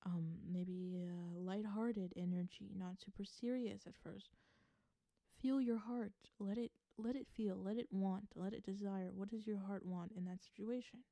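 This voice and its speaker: This Southern US woman is a tarot reader doing an intuitive reading for her viewers, offering earnest advice, repeating phrases to stress them, and laughing softly. Her voice sits in the mid range, with no room sound audible.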